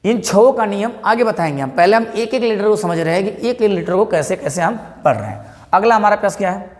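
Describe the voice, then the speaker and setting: A man's voice: high voice, animated, fairly quick. A man teaches English pronunciation in a classroom lesson. He fires questions at his class, answers them himself and goes over each word again and again. His voice rings with a long reverb.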